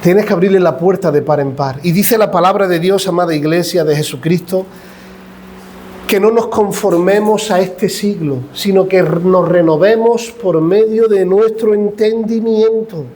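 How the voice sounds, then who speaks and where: High-voiced Andalusian pastor preaching. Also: male voice, moderate pace, dark tone, a little hiss or hum. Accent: Andalusian Spanish. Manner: impassioned preaching, acts out dialogue, asks the congregation questions. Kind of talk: sermon. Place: church.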